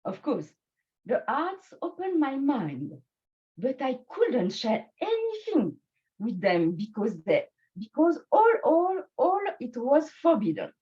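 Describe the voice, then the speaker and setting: Born in Bangladesh and raised in France, a woman whose first language is French speaks with a French and Swiss French accent, delivering a prepared personal speech at a speaking club in slow, deliberate phrases with pauses. Her high voice swoops wildly in pitch, with a dark tone and a breathy edge. The audio sounds dull.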